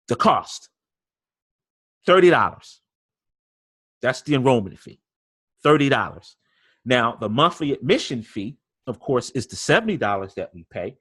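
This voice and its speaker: A man leads a training webinar in an encouraging coaching tone. He leans on repetition and fillers as he works through slides. His voice sits at an ordinary pitch and is recorded dry, with no room sound. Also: fairly bright tone, slightly rough, no echo. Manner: coaching, repeats emphasis, frequent fillers. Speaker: sales trainer.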